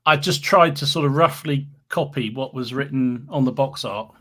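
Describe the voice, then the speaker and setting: A man's voice: mid-range voice, moderate pace, fairly bright tone. A British man co-hosting a podcast, easygoing and rambling, with mild exclamations. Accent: British English. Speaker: podcast co-host. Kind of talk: casual chat.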